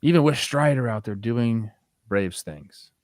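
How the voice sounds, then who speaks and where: A man with a mid-pitched voice chats casually as a sports show co-host. He talks informally and conversationally, with a close, dry sound. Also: expressive, measured pace, darkish tone, no room sound. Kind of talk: casual baseball discussion.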